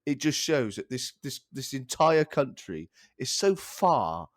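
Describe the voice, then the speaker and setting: A man's voice: mid-range voice, big pitch swings, measured pace, dry recording, studio quality. A young man co-hosting a casual podcast, ranting in exasperation and restarting his sentences. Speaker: podcast co-host.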